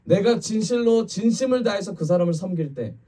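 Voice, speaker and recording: A man's voice: high voice, a little fast, recorded from a distance. A man, a pastor, giving a conversational Friday evening sermon in a church, talking directly to his congregation. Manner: conversational preaching, quotes people in lively voices. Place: church sanctuary.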